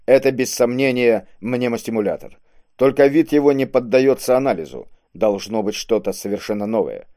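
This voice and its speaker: A man voicing a calm, matter-of-fact male medic in an audiobook. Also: medium pitch, normal speed, dry recording, clean studio sound, lightly acted. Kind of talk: audiobook character voice.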